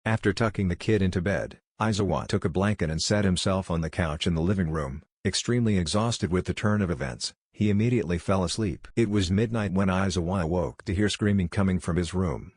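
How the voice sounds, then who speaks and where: A man narrating a fan story in an even, unhurried reading voice. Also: low-pitched, husky, no echo, clean studio sound. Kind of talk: slow scripted story narration.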